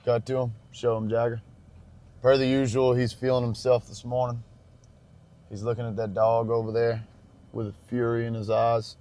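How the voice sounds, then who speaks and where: A man's voice: medium pitch, flat delivery, normal speed, warm tone. Young adult male road-trip vlogger, drawl, easygoing chatter to camera while driving. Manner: chatty, addresses viewers as y'all. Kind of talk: casual road-trip vlog talk. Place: inside a moving truck.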